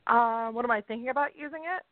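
A woman calling in to a radio show over the phone, talking hesitantly with lots of fillers and soft laughs. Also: fairly high pitch, fast talker. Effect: phone-line caller audio. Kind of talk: casual call-in chat. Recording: dry tinny phone line.

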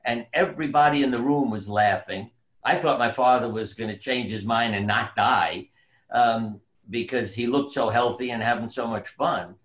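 A man who is a surgeon and author, telling stories in an unhurried, reflective way as an interview guest, sometimes dropping to soft quiet tones. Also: medium pitch. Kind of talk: conversational storytelling.

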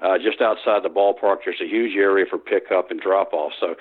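A deep, steady-toned male voice, delivered briskly: a sports historian on the phone for an interview. He rambles, keeps restarting, and fills gaps with fillers, and the telephone line sounds tinny.

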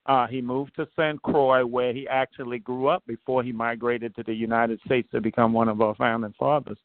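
Candidate guest, male, from Trinidad and Tobago, mid-pitched, earnest and halting, heard over a phone line. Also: flat delivery, dry recording. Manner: earnest, many fillers and restarts. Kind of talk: phone-in interview, casual. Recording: tinny phone line, dry.

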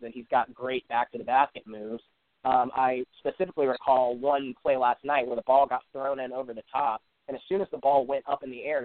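A man's voice: mid-range voice, no echo. Eager fan-talk man over a dry phone line. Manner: enthusiastic fan, storytelling, some "uh" fillers. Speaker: podcast co-host. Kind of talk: casual sports talk podcast.

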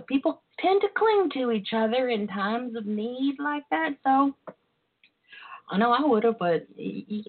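Tinny phone-line audio, chatty woman radio host, campy, cheeky and sassy, medium pitch. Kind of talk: casual solo radio chat.

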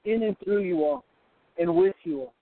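A caller with a high-pitched voice preaches prophecy at normal speed from his car as he drives through the hills, fervently exhorting the listener he addresses directly. The recording itself is dry, but the phone line is tinny, buzzy and glitchy, breaking up often.

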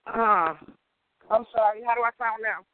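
A man's voice comes through a thin, tinny phone line, faint and distant as though heard through a wall. He speaks in a fairly high register and hesitates often, leaning on ums. The sound is dry, with no room around it. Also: moderate pace, no room sound. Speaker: caller on a community call-in. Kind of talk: conference call discussion.

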